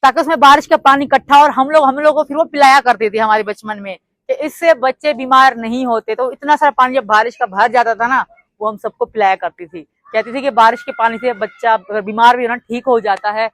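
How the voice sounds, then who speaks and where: A woman's voice: a little high, steady tone, brisk, a bit bright, dry recording. A woman chatting casually in a family vlog, reminiscing about childhood. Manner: reminiscing, conversational.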